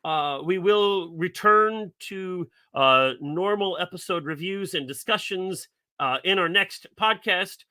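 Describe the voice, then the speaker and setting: A man hosting a podcast in casual chat, halting and full of ums. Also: sits high, bright, forceful tone, clean tone. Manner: halting, filler-heavy speech. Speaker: podcast host.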